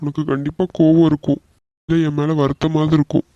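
A man's voice: on the high side, little pitch movement, dark tone, dry recording, close to an everyday voice. Man voicing a hot-tempered young husband. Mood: remorseful. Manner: emotional, quick to anger and to apologize. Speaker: voice actor. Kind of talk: animated cartoon dialogue. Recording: dull, dry lo-fi recording.

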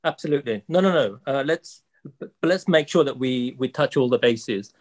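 A man in his sixties speaking as a panelist on a video call, measured and polite, with many fillers. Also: mid-range voice, expressive. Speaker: panelist, central bank economist. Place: office with logo backdrop.

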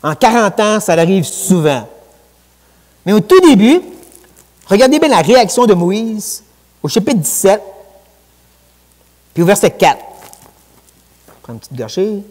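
A man with a Quebec French accent preaching a sermon in a church, lively and conversational, with colloquial asides. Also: high voice, a little slow, pauses often. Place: church sanctuary. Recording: long church hall reverb.

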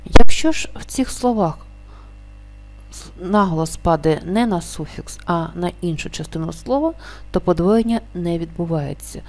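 A woman teaching a grammar lesson, stating each rule and then slowly and carefully sounding out the example words. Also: on the low side, animated, a little mellow, a little hiss or hum.

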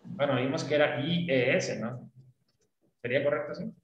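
A man's voice: medium pitch, moderate pace, reverberant, dull audio. A man teaching an online English class, explaining patiently and often checking that students follow. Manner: patient, often checks understanding with tag questions.

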